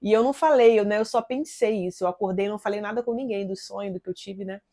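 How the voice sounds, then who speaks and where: A woman's voice: medium pitch, fast, mellow. Earnest Brazilian woman sharing a testimony. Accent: Brazilian Portuguese. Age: 30s. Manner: earnest, conversational, with frequent tag questions. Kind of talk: personal faith testimony.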